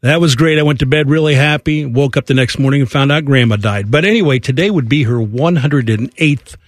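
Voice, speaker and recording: A man's voice: medium pitch, a little fast, dry recording, clean studio sound. A man co-hosting sports radio, telling anecdotes in a casual, conversational way. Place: dry radio studio.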